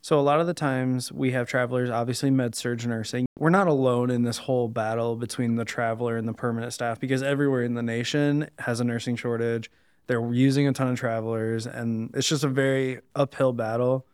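A man with a Midwestern American accent, speaking as a recruiter guest in a relaxed, rambling way. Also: medium pitch, a little fast, clear, resonant tone, no room sound, studio quality. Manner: relaxed, rambling, uses lots of "like". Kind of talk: casual interview chat.

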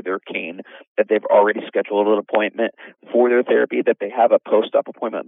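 A man's voice: fairly low pitch, husky, no echo, phone-quality sound. A man, an orthopedic surgeon, explaining things in a podcast interview with many fillers and restarts.

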